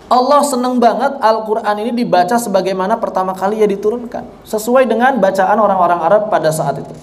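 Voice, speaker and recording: A man teaching an online tajwid lesson, explaining slowly and deliberately with repetition. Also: high voice. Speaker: Quran recitation teacher.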